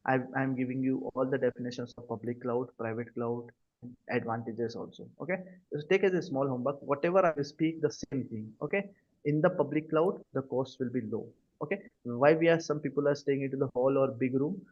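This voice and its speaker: Over dull, lo-fi video-call audio, a brisk, medium-pitched man with an Indian accent leads a live online class. He teaches cloud computing and keeps checking whether students follow with brief questions.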